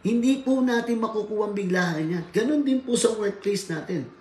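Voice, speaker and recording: Speaking a little fast, this Filipino man has a high-sitting, slightly mellow voice as he lectures at a workplace safety seminar. He code-switches between Tagalog and English, frequently ending lines with "right?" and similar tags. Faint background noise and an echoey room come through on the recording.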